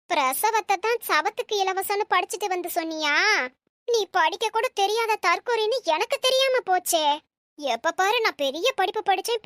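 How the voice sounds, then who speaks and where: Squeaky sharp old cartoon auntie, bossy, snaps and nags nonstop. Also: female voice, no room sound, clean studio sound. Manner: scolding, bickering, sarcastic. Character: bossy scolding old woman, quick-tempered auntie. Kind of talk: animated comedy voice acting.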